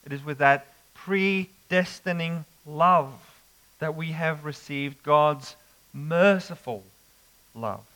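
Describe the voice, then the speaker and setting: A man preaching an expository sermon, slow and emphatic with dramatic pauses. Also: fairly high pitch, sharp tone, rough recording.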